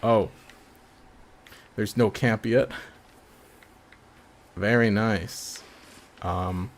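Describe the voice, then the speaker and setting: A man's voice: fairly low pitch, steady tone, drawn-out words. A man casually commenting on his own gameplay during a live stream, rambling, laughing often and trailing off mid-sentence.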